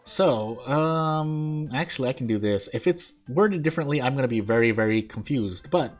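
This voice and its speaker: Casting: male gaming streamer, mid-pitched, overbite articulation, rambling off-the-cuff commentary, music underneath. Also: animated, moderate pace. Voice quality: slight lisp-like articulation from an overbite, teeth catching the lip. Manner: rambling, thinking aloud. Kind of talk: casual rambling game commentary. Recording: game music behind the voice. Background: game music.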